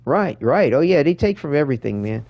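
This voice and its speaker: A man's voice: a little high, big pitch swings, fairly quick, a little mellow. A man giving casual gaming commentary in a rambling, slangy way, often repeating his words. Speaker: streamer showing a game to a viewer.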